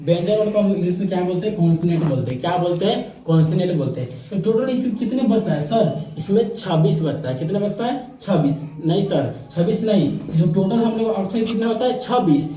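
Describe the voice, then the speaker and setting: A high-voiced man with a mellow tone teaches a lesson, posing questions and answering them himself. He repeats key points again and again. The sound is echoey, with faint noise behind. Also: lively intonation, a little fast, hardly any pauses. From India. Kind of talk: classroom-style lesson.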